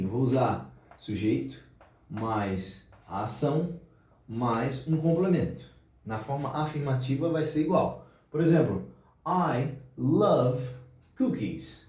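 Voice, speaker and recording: A man teaching an English grammar lesson, slow and patient, repeating each example. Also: medium pitch, warm tone. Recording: very echoey room, distant mic.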